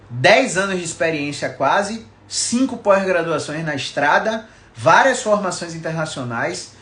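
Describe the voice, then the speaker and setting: A Brazilian man in his thirties, a physiotherapist giving a casual, emphatic live talk to a few listeners, deliberately shifting his intonation. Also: fairly high pitch, fairly bright tone, echoey room, a little hiss or hum. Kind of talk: informal live talk to a small online audience.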